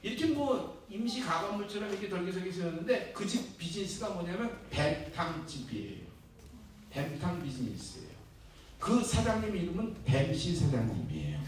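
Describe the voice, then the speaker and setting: High-voiced pastor in an echoey church. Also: male voice, normal speed. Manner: animated storyteller, quizzes the congregation. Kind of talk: sermon. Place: church hall. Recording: echoey church hall, distant mic, faint noise.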